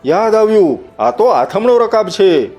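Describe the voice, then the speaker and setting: A bitter, treacherous village tracker, put on by a male storyteller spits out his accusations in a raised, stinging voice. Soft music runs quietly behind this audiobook scene. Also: fairly high pitch, expressive, normal speed, lightly acted. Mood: excited, accusing.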